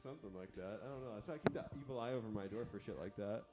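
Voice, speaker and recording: A man in his thirties hosts a casual movie commentary podcast. He rambles and jokes, and breaks into laughter often. His voice is fairly low, with music playing under it. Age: 30s. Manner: joking, rambling, quick to laugh. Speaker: podcast host.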